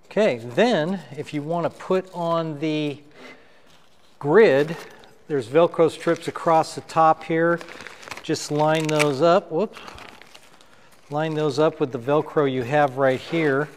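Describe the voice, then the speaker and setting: A middle-aged man demonstrating how to assemble lighting gear at a table in a dark studio, talking as he works. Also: on the high side, in a large hall, a little hiss or hum. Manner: unhurried, talks while assembling gear. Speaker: photographer reviewing gear. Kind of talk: hands-on gear demo. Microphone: wireless lapel mic.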